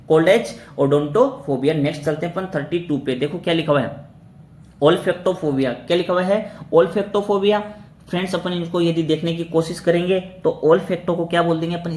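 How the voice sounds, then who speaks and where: A man's voice: on the high side, a little mellow. A man teaching exam-prep vocabulary who keeps asking his own questions, answering them and spelling words out letter by letter. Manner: asks and answers his own questions, repeating each word. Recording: roomy echo with faint background noise.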